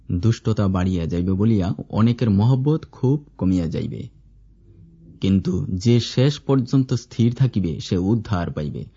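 A man with a low, dark and slightly husky voice reads scripture aloud in a measured, formal recitation. The recording sounds dull and lo-fi. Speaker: scripture reader.

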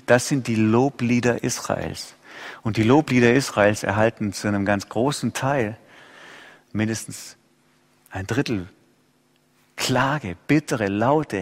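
A male pastor preaching an impassioned sermon, swinging between loud outcries and hushed low asides. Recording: long hall reverb.

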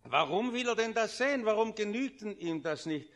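A man preaching with a notably high voice. He is fervent, rising to loud pleading and then dropping to quiet, intimate words. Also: expressive, normal speed. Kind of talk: sermon.

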